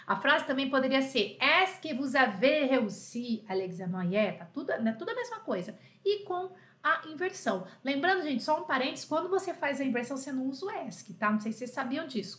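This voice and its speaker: A woman's voice: high voice, a bit bright, reverberant. A Brazilian woman teaching a live French lesson in a chatty, affectionate way, often checking in with her students. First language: Portuguese.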